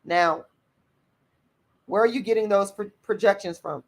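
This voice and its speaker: In a raspy mid-range voice and at a slightly slow pace, a woman reads out comments from her livestream viewers. Her replies are outspoken, blunt and full of profanity, and she repeats herself a lot.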